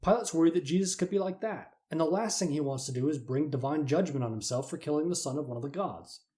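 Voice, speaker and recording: A man's voice: on the high side, fast talker, dark tone. A man teaching a Bible lesson, retelling events in a dramatic, explanatory way. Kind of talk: storytelling lesson.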